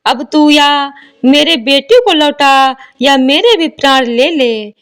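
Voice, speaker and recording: A woman's voice: high-pitched, animated, slow, fairly bright tone, full character voice. A woman voicing a devout old mother pleading with a goddess over her lost son. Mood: anguished pleading. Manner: lamenting, pleading.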